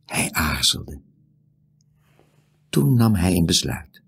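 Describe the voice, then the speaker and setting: A man narrates an audiobook in a measured, expressive storytelling manner. His low voice is deeply husky and gravelly. He takes his time over every line. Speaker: audiobook reader. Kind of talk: scripted narration.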